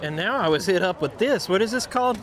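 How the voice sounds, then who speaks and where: With a high-pitched, expressive voice and rapid delivery, an American man gives a casual, enthusiastic and folksy vlog at a theme park, visiting a shop and outdoor food areas. Behind him are a crowd, music and outdoor park sound.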